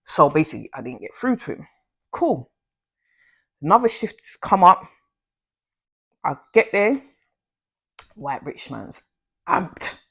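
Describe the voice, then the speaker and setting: A young woman telling a slangy, animated storytime vlog. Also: deep voice, slow, creaky, long pauses, slightly rough. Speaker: vlogger.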